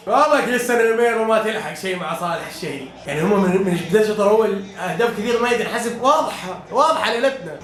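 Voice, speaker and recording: Excitable man reacting to a match. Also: sits high. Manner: excitable, shouts and cheers at goals, prays aloud. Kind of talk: live match reaction commentary. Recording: echoey room.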